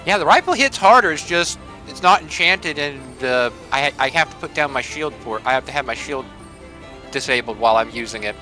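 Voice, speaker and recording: A man's voice: medium pitch, expressive, fairly quick, bright, forceful tone, soft background music. A man playing a tabletop game over voice chat, chatty and swearing as he explains his moves. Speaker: player. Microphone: online voice chat.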